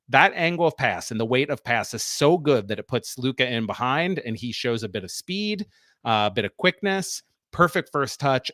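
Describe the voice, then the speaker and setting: A man's voice: mid-range voice, fairly bright tone, no room sound, clean studio sound. Analytical man breaking down plays. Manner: explanatory, talks through plays step by step. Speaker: co-host, soccer analyst. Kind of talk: tactical breakdown, casual podcast talk.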